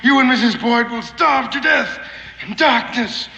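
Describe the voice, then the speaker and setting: An actor with an English accent playing a theatrical, declamatory zealot who serves a sun god. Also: male voice, extremely high pitch, unhurried, vocal fry, sharp tone, lo-fi sound, full character voice. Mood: cold, condescending. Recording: echoey old TV soundtrack with score.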